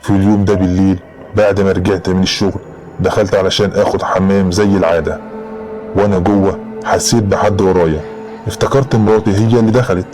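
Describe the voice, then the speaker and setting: A man's voice: deep voice, steady tone, fast talker, darkish tone, soft background music. A man with an Egyptian Arabic accent narrating a horror story in the first person, in a dramatic storytelling style.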